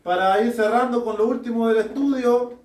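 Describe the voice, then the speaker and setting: A man preaching a sermon to a small congregation, slow and deliberate, putting rhetorical questions to his listeners. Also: extremely high pitch, a little mellow. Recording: echoey room, mic far off.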